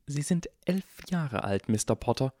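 A man's voice: medium pitch, sing-song, a little slow, mellow, no room sound, clean studio sound, voice pushed up. A man voicing a strict elderly female professor in a harsh, clipped whisper, reading an audiobook. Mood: stern hushed.

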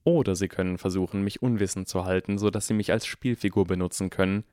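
A man's voice: low-pitched, fairly even intonation, fast, a little mellow, no room sound, studio quality, lightly acted. A man voicing a clever eleven-year-old boy who talks in a cold, icy and precise way in an audiobook.

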